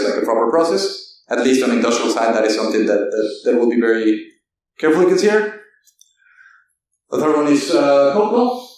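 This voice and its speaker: A man gives a technical talk at a conference in a voice of ordinary pitch. He speaks haltingly, restarting phrases and correcting himself. His voice is picked up from a distance and rings through a very echoey hall. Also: darkish tone, slight background noise. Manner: halting, with many fillers and self-corrections.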